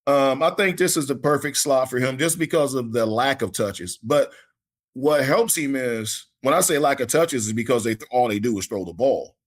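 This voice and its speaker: A man in a relaxed podcast chat, talking in an easy, folksy way. He often repeats a word or two before his point comes out, and his voice sits at an ordinary middle pitch. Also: normal speed. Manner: laid-back, folksy, repeats himself when starting a thought. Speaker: podcast co-host. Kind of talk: casual sports chat.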